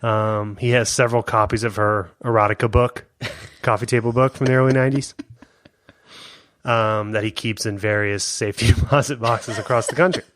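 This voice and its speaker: Man for a relaxed film podcast, talks in loose, joking bursts with a dry, close sound. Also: fairly low pitch, moderate pace, no echo. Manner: rambling, jokey, full of restarts. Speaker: podcast co-host. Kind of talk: casual movie-review chat.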